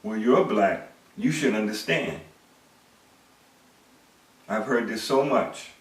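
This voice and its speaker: A middle-aged commentator with a fairly low, expressive voice lectures slowly and emphatically. He poses rhetorical questions and repeats words. The recording is distant and echoey, away from the mic.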